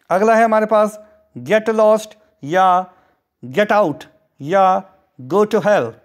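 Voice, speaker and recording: A man gives an English lesson in a high voice. He speaks at a slow, measured pace and says every sentence twice. His delivery is deliberate and steady, like a patient classroom teacher. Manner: slow, deliberate, repeats each phrase.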